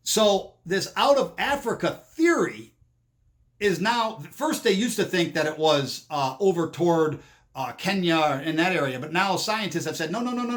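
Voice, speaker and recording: A man's voice: on the high side, a bit bright. A man giving a rambling monologue commentary, often restarting and repeating himself.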